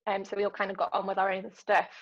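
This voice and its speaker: Gravelly-voiced woman chatting on a podcast. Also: medium pitch, monotone, quick pace, muffled recording. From London. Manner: hesitant, many ums and restarts, laughs easily. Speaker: podcast guest, ultra runner. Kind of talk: casual interview chat.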